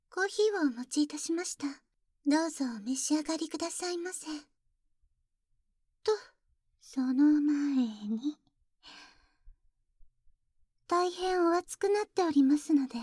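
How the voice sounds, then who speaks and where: High, dry-voiced young maid, formal then sly, whispering at the ear, played by a woman. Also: dry recording. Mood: polite. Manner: soft ear-close whispering; very formal, deferential speech with teasing jabs. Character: polite, jealous young maid who calls herself boku. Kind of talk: ASMR roleplay audio drama.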